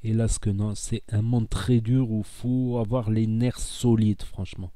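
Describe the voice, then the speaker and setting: Dark-voiced man with a southern French accent. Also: lowish voice, steady tone, unhurried, dry recording. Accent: southern French, Narbonne. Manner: rambling, repeats himself, heated and earnest. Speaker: social media content creator. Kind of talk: casual monologue to camera.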